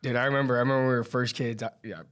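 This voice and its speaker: A man's voice: mid-range voice, flat delivery, rapid-fire, a bit bright. A man coach hosting a casual podcast chat, rambling with lots of fillers and swearing. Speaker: wrestling coach, host.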